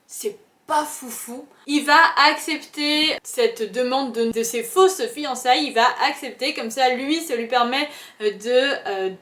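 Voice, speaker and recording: A woman's voice: sits high, unhurried, echoey room. A chatty young woman, talking casually about books, full of fillers. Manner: chatty, animated, many fillers. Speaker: book vlogger. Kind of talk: casual chat.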